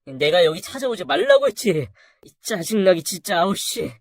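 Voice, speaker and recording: A storyteller voicing a lying husband who turns defensive and crude, lower than the narration's wife lines. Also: wildly swooping pitch, moderate pace, gravelly, no echo. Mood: resentful.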